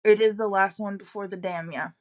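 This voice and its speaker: A woman's voice: mid-range voice, steady tone, brisk. A woman with an East Tennessee accent, chatting casually as a local resident giving news, often backtracking and qualifying what she says.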